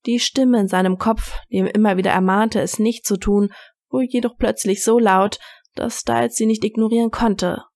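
A woman narrating a fan-written story as an audiobook, reading in an even, measured way. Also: mid-range voice, no room sound, clean studio sound. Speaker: fanfiction reader.

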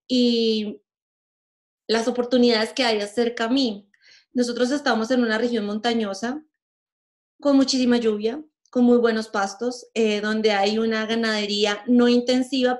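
A Colombian woman in her thirties speaks in a fairly high voice, earnest and measured, pausing often as she gives an online workshop. She is heard through a webcam on a video call from a room at home. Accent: Colombian Spanish. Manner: earnest, measured, with frequent pauses.

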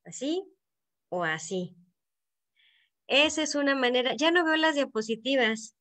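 A woman's voice: high-pitched, animated, unhurried, fairly bright tone. Veracruz Mexican woman teaching a poetry workshop. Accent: Veracruz Mexican Spanish. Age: middle-aged. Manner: explanatory, asks the group to check in with frequent "¿no?". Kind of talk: online workshop lesson. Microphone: video call.

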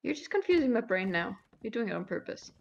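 A woman co-op player in casual gameplay chat, answering with quick sassy retorts. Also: a little high, sing-song, vocal fry, muffled recording, a little hiss or hum.

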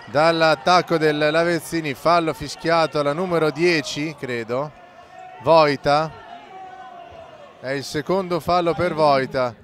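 A man giving live basketball play-by-play in terse, clipped phrases. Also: a little high. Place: sports hall during a live game.

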